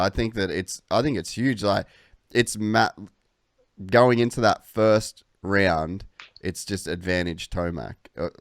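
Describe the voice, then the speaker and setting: A very deep-voiced man with a smooth, clear tone, recorded dry. He hosts a podcast casually, talking in slangy, sweary, matey banter. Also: no room sound. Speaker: podcast host. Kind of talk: casual chat.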